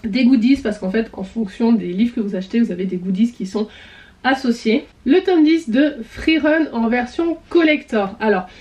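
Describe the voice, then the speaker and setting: A woman's voice: on the high side, normal speed, a little mellow. A woman vlogger chatting casually about her books, with many fillers and a voice she says she is losing. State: losing her voice, clearing throat. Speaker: book vlogger. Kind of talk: casual chat.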